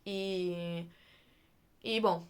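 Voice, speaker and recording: A young woman from Brazil telling a personal story in a casual, lively way, repeating words for emphasis and talking straight to her listeners. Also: on the low side, extremely slow, clear, resonant tone.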